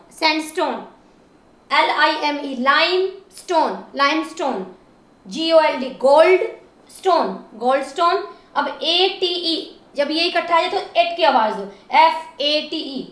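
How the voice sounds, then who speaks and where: A woman's voice: sits high, fairly bright tone, reverberant. A woman teaching English pronunciation, spelling each word letter by letter, repeating it and asking the listener to say it back. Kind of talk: slow word-by-word pronunciation lesson.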